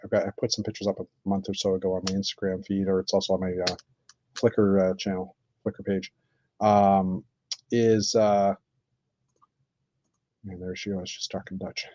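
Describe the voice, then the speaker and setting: A man chatting casually on a live stream while building, thinking aloud with many pauses and fillers. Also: low voice, flat delivery, mellow, no room sound. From Canada. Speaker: streamer building with toy bricks. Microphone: computer mic on live stream. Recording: dull lo-fi stream audio.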